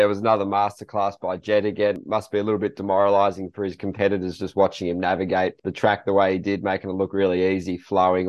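Fast-talking man with a broad Kiwi accent. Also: fairly low pitch, a little mellow, no room sound. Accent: New Zealand. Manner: chatty, informal, matey. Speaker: podcast host. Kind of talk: motocross podcast interview.

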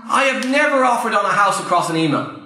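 An emphatic Irish property investment trainer gives a live Q&A coaching talk to an audience in an echoey event room, with soft music in the background. His voice is high, animated, bright and forceful at a quick pace, and he repeats key phrases while addressing the crowd directly.

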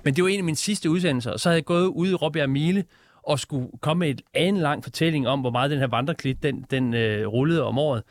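A man's voice: a little high, dry recording, studio quality. A man, a radio show guest, telling long rambling anecdotes in casual comedic chat, with many fillers.

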